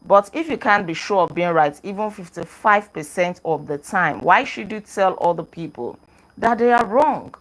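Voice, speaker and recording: A woman's voice: medium pitch, lively intonation, normal speed, poor audio. A woman host reviewing a self-help book in a casual teaching talk. She is earnest, repeats her points and often checks in with a questioning "right?". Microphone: clip-on microphone.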